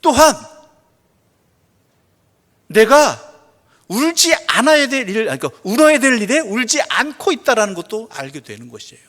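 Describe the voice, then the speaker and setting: A male pastor preaching a sermon, asking the congregation questions, answering them himself, and reading scripture slowly and softly. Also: very high voice, big pitch swings. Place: church sanctuary. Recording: long church reverb.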